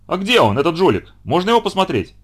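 A man doing a loud bossy policeman. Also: high voice, big pitch swings, fast, voice pushed up. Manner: barking orders.

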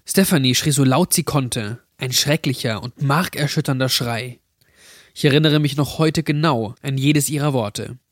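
A man calmly narrating a scripted horror story, recorded close to the mic. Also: mid-range voice, dry recording.

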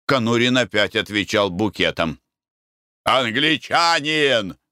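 A man narrating an audiobook story in a measured, expressive reading. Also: mid-range voice, no echo, clean studio sound.

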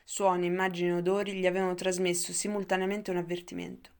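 Woman reading a story out loud, calm and steady, lowish voice. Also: fast, smooth. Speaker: narrator. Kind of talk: audiobook narration.

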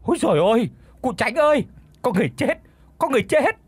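A man's voice: extremely high pitch, sing-song, quick pace, breathy edge, dry recording, pitched above the performer's own voice, exaggerated voice. A man voicing a panicked old woman cook who screams that someone has died. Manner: frantic shrieking.

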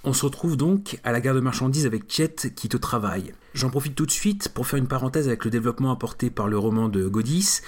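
A male reviewer retells a film in a voice of average pitch. His commentary is partly scripted and explanatory. He drops in casual asides as he goes. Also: animated, fast talker, few pauses, a little mellow, a little hiss or hum. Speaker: film reviewer narrating the show.

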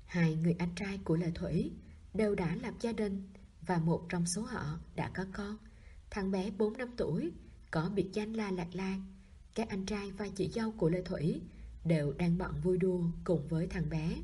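A woman narrates a novel in a very breathy, hushed voice, and at times she sinks almost to a whisper. Her tone is dark and mellow, and her pitch sits in the middle. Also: normal speed. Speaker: audiobook narrator.

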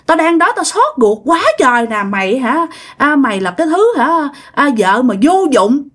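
A woman voicing an abusive, hot-tempered working man who shouts coarse accusations at his wife. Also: very high-pitched, expressive, moderate pace, voice pushed up. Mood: angry scolding.

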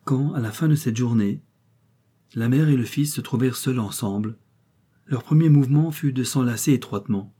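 Dark, husky male audiobook narrator. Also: medium pitch. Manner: measured, evenly paced reading. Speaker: audiobook reader. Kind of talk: scripted narration of a novel.

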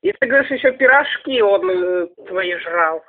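A man with a high, very animated voice makes a prank call. He chats casually and pokes with hesitant, provoking questions. The phone line is thin, with some background hiss. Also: normal speed. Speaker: prank caller. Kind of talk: casual, needling phone chat. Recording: noisy, tinny phone line.

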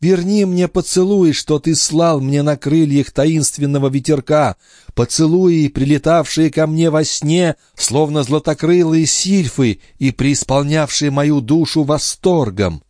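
A man voicing Lorenza, a passionate, sorrowful young clairvoyant wife, in a high, imploring, tearful tone in an audiobook reading. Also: a little slow, darkish tone, dry recording, studio quality, close to an everyday voice. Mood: pleading.

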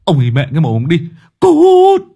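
A man voicing a battered young man who shouts shrilly and whines. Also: on the high side, huge pitch swings, normal speed, slightly rough, voice pushed up, heavily acted. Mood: angry shouting.

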